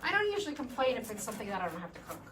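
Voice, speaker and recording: A woman's voice: on the high side, sing-song, very fast. A woman hosting a live furniture painting demo, chatting casually and reading viewer comments aloud. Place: paint room. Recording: distant mic with background noise.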